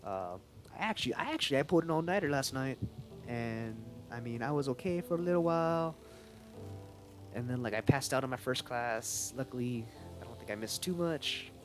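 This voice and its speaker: A man's voice: medium pitch, lively intonation, a little fast. Rambling young male streamer, stuffy nose. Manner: rambling, laughing to himself. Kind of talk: casual gaming livestream. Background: background music.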